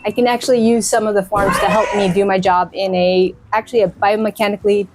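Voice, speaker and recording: A woman's voice: medium pitch, fairly even intonation, fast talker, background noise. A woman in her forties from Canada, answering interview questions in an open, talkative way. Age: 40s. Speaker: interview guest.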